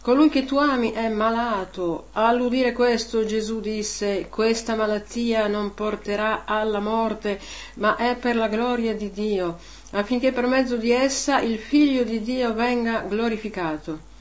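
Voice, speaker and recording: A woman's voice: fairly high pitch, a little slow. A woman reading a Gospel passage aloud and then preaching a homily to a congregation, stressing key words and tagging points with questions. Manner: emphatic, rising loud on key words, frequent "eh?" tags.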